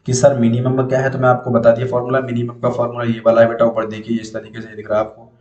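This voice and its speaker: A man's voice: medium pitch, darkish tone, reverberant, highs cut off. A man teaching spreadsheet basics step by step, asking and answering his own questions. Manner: explains step by step, repeats questions to students. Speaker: computer teacher. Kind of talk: screen-recorded spreadsheet tutorial.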